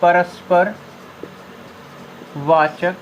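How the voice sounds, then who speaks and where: A man teaching an English grammar lesson, slowly repeating and dictating each term. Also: sits high, fairly even intonation, lo-fi sound, slight background noise. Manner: slow, repetitive dictation of terms.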